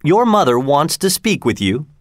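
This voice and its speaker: A man's voice: a little high, sing-song, moderate pace, dry recording, studio quality, pitched above the performer's own voice. A man voicing a nurse, a woman servant in a noble house, who speaks in a matter-of-fact way. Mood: plain.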